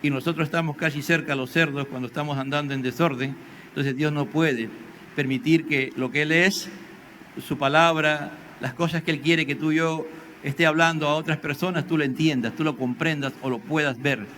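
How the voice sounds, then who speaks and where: An older man preaches with a Peruvian Spanish accent, his voice bright and forceful and pitched somewhat high. He talks to the congregation conversationally, tagging questions onto his points. Faint noise sits under the recording. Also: steady tone, a little fast. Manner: conversational preaching with frequent rhetorical "¿no?"; acts out biblical dialogue in raised voice. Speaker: pastor. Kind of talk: sermon.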